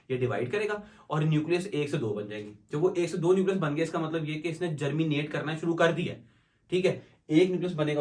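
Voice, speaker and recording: The lecture comes through an echoey room, recorded from a distance: a biology teacher, his voice on the high side with a darkish tone. He moves between Hindi and English, questions and answers himself, and eases his pace to dictate definitions in English.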